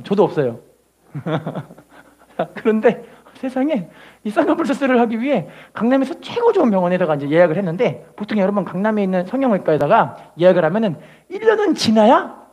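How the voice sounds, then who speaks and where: A woman's voice: mid-range voice, a little mellow, husky. A middle-aged woman pastor telling a story in a sermon, acting out quotes and exclaiming hallelujah.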